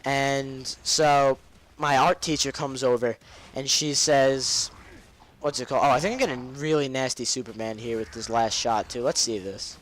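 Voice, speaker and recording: A man's voice: medium pitch, steady tone, normal speed, fairly bright tone, slight background noise. A man telling crude school stories over gameplay commentary, rambling, swearing, and drifting off topic. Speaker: gaming commentator. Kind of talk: casual game commentary and storytelling.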